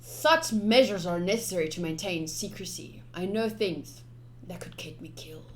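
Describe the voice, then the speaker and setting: This woman streamer performs a visual novel aloud with theatrical, playful expression and casual commentary. Her lowish voice moves at normal speed over game music.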